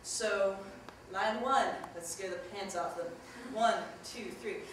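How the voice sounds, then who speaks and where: A woman's voice: medium pitch, takes it slowly. A young woman leading a theatre workshop, chatty and demonstrative, talking to a group of students. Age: young adult. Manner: chatty, demonstrative, jumps into loud yelled examples. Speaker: acting workshop leader. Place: large echoey room. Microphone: distant camera mic. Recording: echoey room from far off, noisy.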